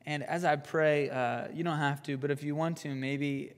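Animated young male youth pastor in a hall. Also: on the high side, moderate pace. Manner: animated, joking storyteller with fillers. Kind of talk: youth sermon. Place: youth group room.

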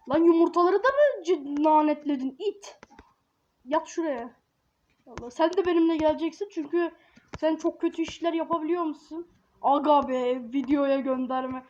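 High-voiced woman joking over gameplay. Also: normal speed, a little mellow. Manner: joking, slangy, scolds the game baby. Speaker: gaming YouTuber. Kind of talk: casual gameplay commentary. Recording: dull lo-fi with faint hiss.

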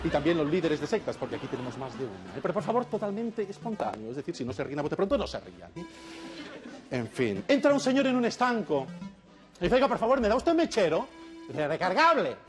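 A man's voice: huge pitch swings, fast. Mock-pompous man doing stand-up. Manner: mock-pompous, teasing the audience, acts out joke characters with sudden high voices. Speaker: stand-up comedian on a TV game show. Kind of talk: stand-up routine with a mock-lecturing tone. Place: television studio before a live audience. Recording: TV studio with loud crowd and music. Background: audience laughter and applause, music.

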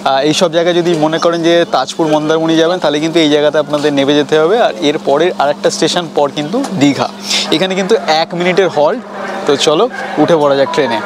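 A man's voice: a little high, quick pace. A young man from West Bengal giving a chatty, informative travel vlog aboard a train, talking straight to his viewers. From West Bengal, India. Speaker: travel vlogger. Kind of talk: casual travel vlog narration. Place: inside a moving train and on station platforms. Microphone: clip-on lapel mic, selfie camera at arm's length. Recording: loud train and outdoor noise.

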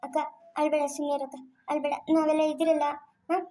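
A woman's voice: high voice, flat delivery, a little fast, warm tone, close to an everyday voice. A woman playing a caring younger sister who coaxes and comforts her crying sibling. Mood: soothing. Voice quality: soothing, coaxing. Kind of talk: amateur family drama acting.

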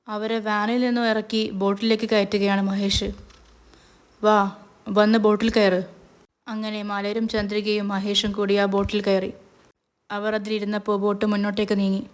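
A woman narrating a retelling of a TV serial's episode in a steady, even manner. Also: medium pitch. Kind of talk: storytelling recap.

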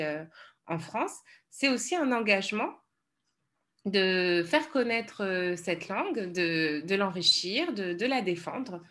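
Woman journalist, asks long hesitant questions, average pitch. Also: a bit bright. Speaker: interviewer, journalist. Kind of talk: interview questions.

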